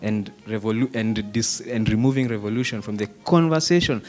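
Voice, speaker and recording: In a theatre hall at a panel discussion, a young Kenyan man in the audience speaks briskly in a fairly low voice. His question turns into an impassioned, argumentative comment sprinkled with Swahili phrases.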